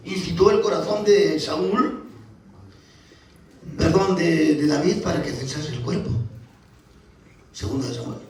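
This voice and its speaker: A man's voice: on the high side, slight background noise. A man preaching a sermon in a church, teaching through questions and vivid examples, recorded from far off in a very echoey hall.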